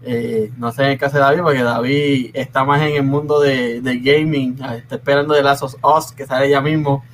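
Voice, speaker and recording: Relaxed podcast host. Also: male voice, medium pitch, moderate pace, a little hiss or hum. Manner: relaxed, laughing, profanity-laced. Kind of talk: casual podcast chat.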